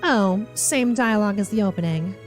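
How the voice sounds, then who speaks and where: With soft music in the background, a woman streamer plays through visual novels, reading dialogue aloud and adding playful, theatrical commentary with a sassy, teasing tone. She speaks at a normal speed in a mid-range voice.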